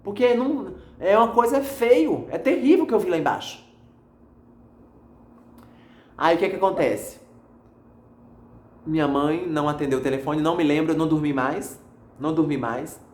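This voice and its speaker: A man's voice: on the high side, moderate pace, long pauses, darkish tone. A man, a pastor giving a fervent, repetitive religious testimony and calling listeners his brothers. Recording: echoey room.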